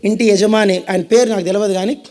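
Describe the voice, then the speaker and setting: A man with a Telugu accent preaching a sermon, dramatic and swinging between loud and hushed, calling on the congregation to answer. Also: high-pitched, fairly even intonation, fast talker. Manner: calls on the audience to answer.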